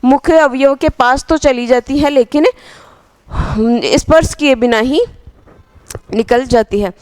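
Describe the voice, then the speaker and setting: A woman leads a grammar lesson, posing questions to the class and answering them herself, and she repeats phrases slowly for dictation. Her voice sits high with a darkish tone, and there's no room sound.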